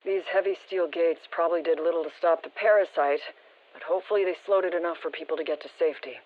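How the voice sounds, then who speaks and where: A woman voices a sober field briefer in a video game, her fairly low, fairly even delivery fast, informative, and restrained. The scripted lines are filtered to sound like a muffled, band-limited radio.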